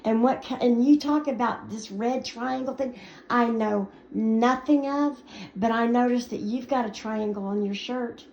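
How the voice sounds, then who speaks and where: A woman's voice: a little high, unhurried, a little mellow, slight background noise. A woman ranting to the camera, scolding and sarcastic as she answers someone she is angry at. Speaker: commentary vlogger. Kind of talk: angry response rant to camera. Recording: echoey lo-fi recording with faint ambience.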